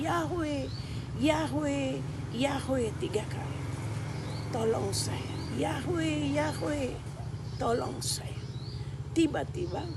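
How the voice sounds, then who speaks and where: A woman giving a spoken religious testimony, telling her story earnestly and building to loud, tearful intensity. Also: on the high side, noisy background.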